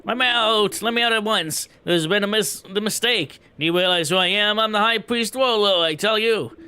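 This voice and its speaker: A man voicing an indignant jailed male high priest who protests his innocence, in a game read-through. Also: moderate pace, sharp tone, clear, resonant tone. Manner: protesting, self-important.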